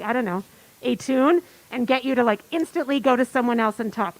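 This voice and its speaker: A woman's voice: high-pitched, a bit bright, no room sound, rough recording. A woman organizer making rambling, bubbly, self-deprecating conference announcements. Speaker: event organizer.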